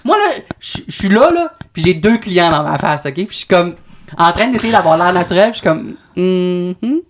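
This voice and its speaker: A man with a Quebec French accent, co-hosting a podcast, telling a story in a chatty, animated way. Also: high-pitched, brisk, a little hiss or hum. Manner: animated, chatty, full of restarts. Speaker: podcast co-host. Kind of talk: casual chat, storytelling.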